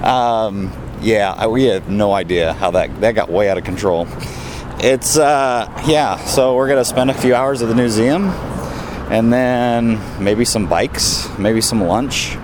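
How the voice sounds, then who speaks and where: A man with a fairly low voice talks casually into a portable recorder, like a travel diary host checking in. Clear city and vehicle noise sits behind him. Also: a little slow. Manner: informal, often recapping the time and day. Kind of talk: casual spoken audio diary. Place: on the move through hotel lobbies and streets.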